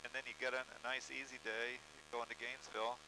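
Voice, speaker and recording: A man's voice: mid-range voice, little pitch movement, fast. A man, a student pilot, talking casually and calling out steps to himself in clipped phrases over an aircraft intercom. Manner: murmurs checklist steps aloud in clipped phrases. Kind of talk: casual chat and self-talk while flying. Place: inside a small aircraft. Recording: humming aircraft cockpit intercom, engine noise.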